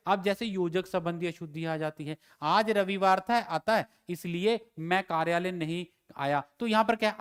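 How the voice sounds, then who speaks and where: A man teaching Hindi grammar in an exam-prep lecture. He repeats each example slowly and then gives the corrected sentence. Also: high voice, smooth. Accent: Himachali Hindi.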